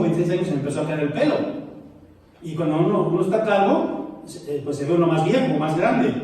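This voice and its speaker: A man's voice: high-pitched, warm tone. A middle-aged man with a Mexican accent preaching a sermon, telling humorous stories and speaking straight to his congregation. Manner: storytelling, humorous asides to the congregation. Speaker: pastor. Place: church sanctuary. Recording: echoey church hall, mic far off, faint noise.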